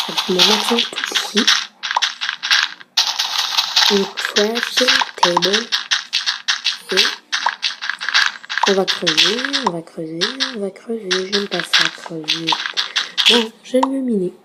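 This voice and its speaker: Slow, hesitant woman gamer. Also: medium pitch. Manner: hesitant, many filler pauses. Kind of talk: casual gameplay commentary. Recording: loud background noise, mouse clicks.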